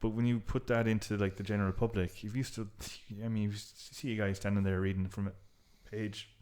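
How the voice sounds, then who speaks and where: A man from south Galway, a historian who is a guest on a podcast, explains his work in a relaxed way and chuckles often. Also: fairly low pitch, brisk, smooth. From Ireland, south Galway. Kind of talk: casual podcast interview.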